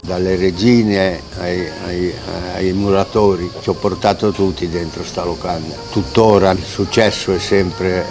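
Very deep-voiced man in his eighties. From Italy. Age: 80s. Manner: proud, unhurried storytelling with repeated restarts. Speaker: restaurant owner and chef. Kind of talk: interview, reminiscing. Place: covered restaurant terrace outdoors. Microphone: lapel mic. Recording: music playing under the voice.

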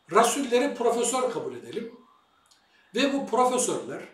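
A man's voice: sits high, a bit bright. A man giving a lecture-style monologue as a religious commentator, posing rhetorical questions to his viewers. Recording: echoey room, far from the mic.

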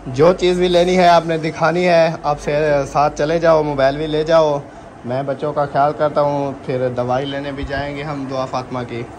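A man's voice: on the high side, normal speed. A young man chatting casually on a family vlog, filming himself with a phone at arm's length in a small room of a village house. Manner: lively, talks sing-song baby talk to a toddler. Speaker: vlogger. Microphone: phone camera held at arm's length. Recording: noisy home phone recording.

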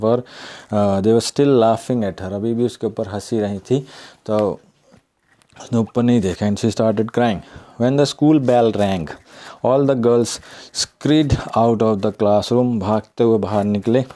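Male teacher, Indian English accent, dark and mellow tone, reads the text and then talks it through slowly. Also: lowish voice. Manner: reads a line, then repeats and paraphrases it slowly. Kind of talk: explaining a school text.

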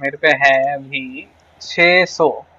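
A man's voice: mid-range voice, fairly even intonation, extremely slow, pushed and bright, no echo, muffled recording. A young man from India, a streamer joking and pleading his way through a roleplay scene. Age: young adult. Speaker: streamer playing a roleplay character. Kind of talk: casual roleplay banter.

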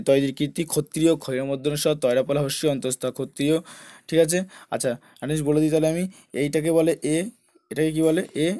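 A man's voice: a little high, mellow. A man teaching a spelling lesson for exam students, spelling words out letter by letter and repeating the key points.

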